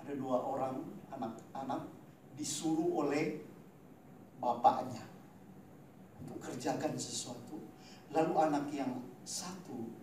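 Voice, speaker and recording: A male pastor preaching a sermon, addressing the congregation directly, swinging between loud emphatic peaks and quiet low asides and tagging his lines with a questioning "ya". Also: measured pace, long pauses, slight background noise. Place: church hall. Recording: very echoey hall, from far off.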